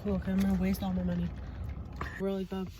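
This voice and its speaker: A woman's voice: medium pitch, monotone, fast talker, noisy background. Giggly young woman vlogging from a car. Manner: laid-back, giggly, chatty. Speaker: vlogger host. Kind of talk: casual chat while eating. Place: parked car in a parking lot.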